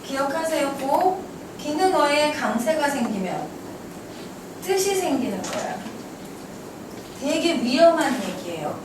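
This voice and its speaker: A woman teaching an English class, brisk and teasing, quizzing her students as she goes. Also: high-pitched, very animated. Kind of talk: classroom lecture. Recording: echoey classroom from far off, noisy.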